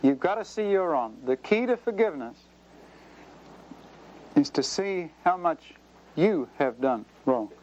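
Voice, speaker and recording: A man's voice: on the high side, expressive, unhurried, long pauses, a little mellow, lo-fi sound. A man preaching a sermon in an earnest, conversational way, now and then speeding up playfully.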